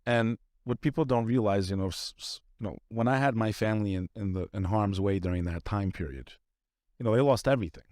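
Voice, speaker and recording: A man speaking as an interview guest, earnest and halting, filling pauses with "you know". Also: lowish voice, a little mellow, no echo, clean studio sound. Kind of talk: conversational interview talk.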